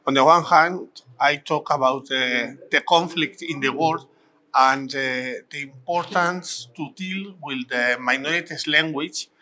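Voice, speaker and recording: A middle-aged man from the Basque Country with a Basque accent, explaining in measured second-language English as an interviewee. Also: fairly high pitch, bright, forceful tone, a little hiss or hum. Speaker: interviewee, language rights advocate.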